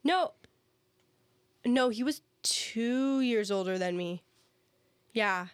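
A woman's voice: on the high side, lively intonation, takes it slowly, clean tone, dry recording. A young woman telling work stories in casual chat on a podcast, full of "like" and restarts. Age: young adult. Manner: chatty storyteller, lots of "like" and restarts. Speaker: podcast co-host.

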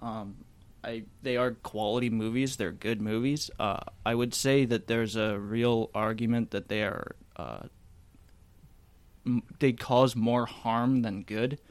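A man's voice: medium pitch, fairly even intonation, slow pace, clean tone. A man co-hosting a casual film podcast in an attic, hesitant and thinking aloud as he goes. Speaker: podcast co-host. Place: indoors in a chilly attic.

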